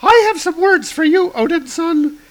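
A man voicing a stern young warrior woman from a comic, in a much higher voice with formal, measured speech. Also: expressive. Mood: stern calm.

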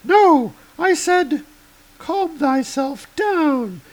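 A man voicing a stern young warrior woman from a comic, in a much higher voice with formal, measured speech. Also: expressive, full character voice. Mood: stern calm.

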